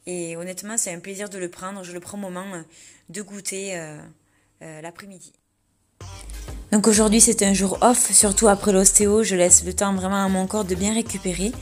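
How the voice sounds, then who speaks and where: Woman vlogger, casual narration, relaxed and chatty, light music behind. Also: mid-range voice, normal speed. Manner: chatty and relaxed, many fillers. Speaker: vlogger preparing for a fitness competition.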